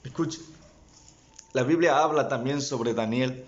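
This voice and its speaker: A man's voice: medium pitch, slow pace. A man preaching a sermon, speaking straight to his listeners and rising in fervor. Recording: dull lo-fi sound.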